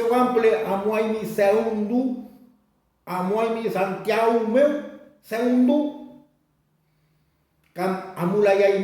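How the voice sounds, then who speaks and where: Old guy teaching a class, rambles and repeats words, kinda high voice, mic far away in a big echoey room. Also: mellow. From Chile. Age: older. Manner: rambling, repeats words, slow deliberate stretches. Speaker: Mapudungun teacher. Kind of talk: informal class talk. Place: community cultural center.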